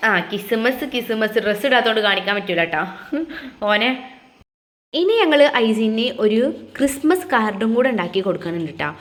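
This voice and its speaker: A woman's voice: a little high, very animated, fairly quick, pauses often. Chatty Malayali mother vlogging crafts. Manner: chatty, explains step by step to viewers. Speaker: family vlogger. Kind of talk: casual crafts vlog chat.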